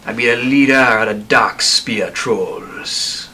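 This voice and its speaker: A man's voice: on the low side, slow, bright, forceful tone, a little hiss or hum, exaggerated voice. A man voicing a sly, courteous troll leader in a tabletop role-play. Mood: measured, probing.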